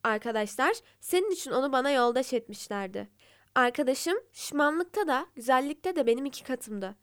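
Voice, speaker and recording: A small, cunning hare from a storybook fable, voiced by a woman in a high, smooth voice. It pleads and schemes by turns. Close, dry sound. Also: animated, normal speed, a bit bright, no room sound. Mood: pleading. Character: small clever brave hare.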